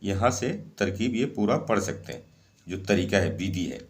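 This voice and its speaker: A man's voice: deep voice, lively intonation, moderate pace. A man explaining ritual instructions step by step in a casual spoken way, repeating each point and often checking in with "okay".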